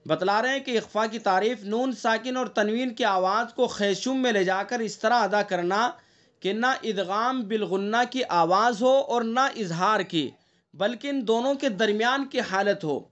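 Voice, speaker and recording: A man with a strikingly high voice leads an online class on Quran recitation. He explains each rule patiently, stops often to ask whether the students follow, and sounds out the nasal tones himself to show the difference. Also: a bit bright.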